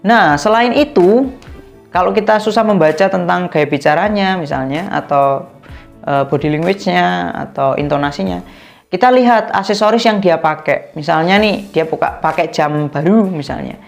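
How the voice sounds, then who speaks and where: A woman giving an instructional talk on youth coaching, acting out sample conversations with a lifted, lively voice. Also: moderate pace, creaky, soft background music. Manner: acts out sample dialogues with rising lively pitch. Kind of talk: instructional talk with role-play examples.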